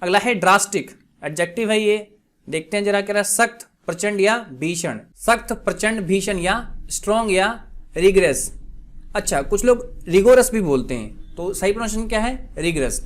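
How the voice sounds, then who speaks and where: A man with an Indian accent teaching English vocabulary, who explains in quick asides and reads each example sentence slowly and deliberately. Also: high voice, lively intonation, fairly bright tone. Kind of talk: vocabulary lesson.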